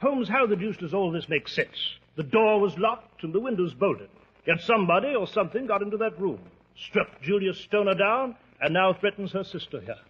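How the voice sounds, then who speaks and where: An actor playing a bluff, puzzled doctor, a detective's genial, blustering companion, in a 1940s radio drama. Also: male voice, high voice, expressive, normal speed, slightly rough. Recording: dull old radio recording.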